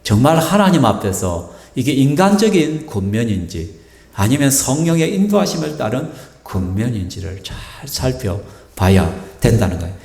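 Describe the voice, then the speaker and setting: A man's voice: mid-range voice, very animated, normal speed, creaky, a little mellow. A male pastor preaching a sermon and telling a personal story, acting out the voices of the people in it. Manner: storytelling, acts out quoted voices. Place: church sanctuary. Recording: echoey church hall.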